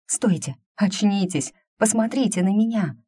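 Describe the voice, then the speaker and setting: A woman's voice: medium pitch, expressive, unhurried, dark tone, breathy edge, voice pushed up. A woman voicing a frightened, stubborn young heroine in an audiobook, crying out in short bursts. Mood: frantic.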